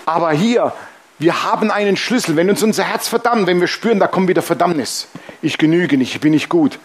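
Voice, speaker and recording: A man's voice: high-pitched, lively intonation, brisk, a little hiss or hum. A man preaching a sermon as pastor, emphatic and humorous, often calling out "Amen".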